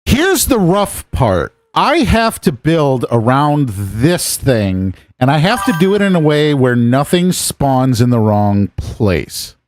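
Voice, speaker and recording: A man's voice: mid-range voice, big pitch swings, slow pace, hardly any pauses. Rambling American man streaming a game. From United States. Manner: rambling, musing aloud while playing. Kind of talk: casual gameplay chat with chat.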